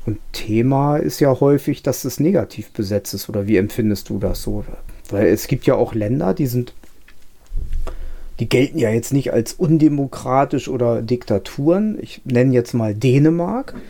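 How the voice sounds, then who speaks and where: Male podcast co-host, gravelly and mellow, rambling casual talk. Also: mid-range voice, expressive, moderate pace. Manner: rambling, many restarts and fillers. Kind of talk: casual chat.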